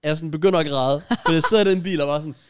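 A man's voice: a little high, clean tone, dry recording, clean studio sound. A young man from Denmark, co-hosting a podcast, telling a personal story in casual chat and swearing offhand. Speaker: podcast co-host.

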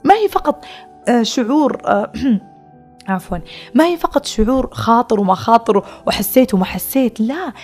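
A woman speaks fast, in an earnest, reflective spiritual talk. Her voice is husky and mellow. She repeats key phrases and at times sinks into a whisper, with faint music underneath. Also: medium pitch. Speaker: podcast guest speaker.

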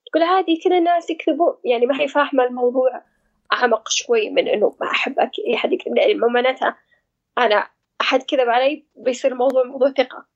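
A woman, speaking as an interview guest about her own experience, pausing often to search for words. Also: a little high, highs cut off. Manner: hesitant, searching for words, reflective. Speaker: guest sharing personal experience. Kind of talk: casual conversational interview.

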